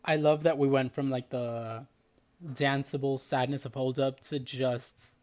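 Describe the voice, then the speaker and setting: A man's voice: mid-range voice, level tone, unhurried, a little mellow. A man reviewing an album in a casual reaction video, chatty and enthusiastic, with lots of "like" fillers.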